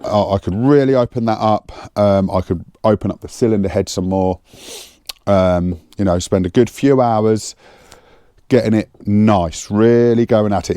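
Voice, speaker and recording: A man's voice: fairly low pitch, mellow, no echo. A man chatting casually while working on an engine in his garage, thinking aloud with lots of fillers, on a clip-on mic. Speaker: home mechanic vlogger. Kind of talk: casual workshop chat. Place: home garage. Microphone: clip-on lapel mic.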